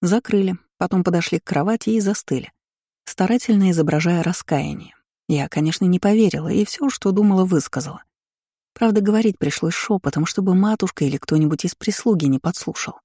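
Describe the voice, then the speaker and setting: Woman narrator for a first-person audiobook, expressive, mellow voice, dry close sound. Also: lowish voice, fairly quick, slightly rough, dry recording. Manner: expressive, acts out her own outbursts.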